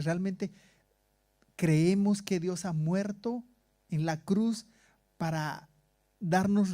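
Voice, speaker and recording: At a church in Stockholm, a pastor with a high-pitched, dark-toned voice preaches to his congregation conversationally, posing rhetorical questions.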